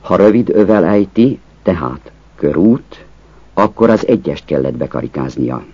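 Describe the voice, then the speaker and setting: A man reading out a pronunciation test, saying each word slowly and deliberately and giving instructions in a formal read-aloud style. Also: deep voice, expressive, dark tone, slightly rough, no echo, lo-fi sound. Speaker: test reader.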